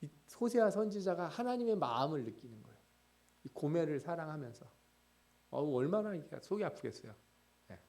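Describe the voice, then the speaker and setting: Lively, questioning Korean preacher, a man. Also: on the high side, brisk. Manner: lively preaching, asks the congregation questions and answers them. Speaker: pastor. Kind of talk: sermon. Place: church at a midweek service.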